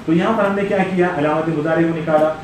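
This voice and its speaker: Higher-voiced man teaching grammar in an echoey room. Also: steady tone, fast, slight background noise. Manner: quizzes students, corrects patiently. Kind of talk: online Arabic grammar class.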